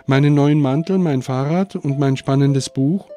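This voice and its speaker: A man's voice: mid-range voice, measured pace, dark tone, pitched above the performer's own voice, close to an everyday voice. A man reading as a remorseful young schoolchild.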